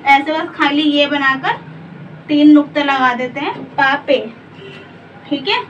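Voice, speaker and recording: An Urdu teacher with a high-pitched, unhurried voice gives a slow, step-by-step letter lesson, patiently repeating letters and often asking simple rhetorical check questions. The distant mic yields dull, lo-fi sound with faint room noise.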